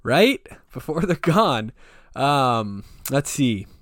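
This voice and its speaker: A man's voice: mid-range voice, big pitch swings, drawn-out words, fairly bright tone, dry recording, studio quality. A young man hosting a casual podcast interview, joking and swearing freely and laughing often. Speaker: podcast host.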